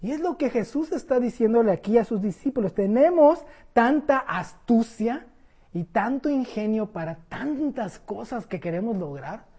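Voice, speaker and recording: A woman preaching a sermon in a conversational, animated storytelling way. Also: on the high side, moderate pace, slightly rough.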